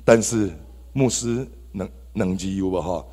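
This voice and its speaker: A man with a Taiwanese Mandarin accent tells his testimony to a congregation, his low, husky voice leaping up and down with exclamations. The sound rings with the long reverb of a church hall. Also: unhurried. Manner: animated, exclamatory, addresses the congregation. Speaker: church member giving testimony. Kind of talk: testimony sermon.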